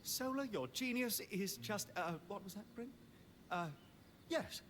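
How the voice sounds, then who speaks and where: A man's voice: sits high, a little slow. An actor playing an eager, scholarly male mage in a video game, speaking in a dreamy, wistful way that trips over itself when flustered. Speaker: game character. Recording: game audio with noise behind.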